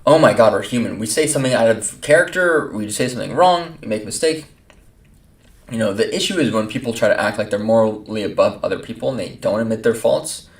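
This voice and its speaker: A man reacting casually in a lowish voice, rambling and restarting his sentences and laughing easily. He sits well back from the microphone, so his voice sounds distant. The room adds a clear echo to everything he says. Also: brisk. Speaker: video reactor. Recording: roomy echo, far from mic.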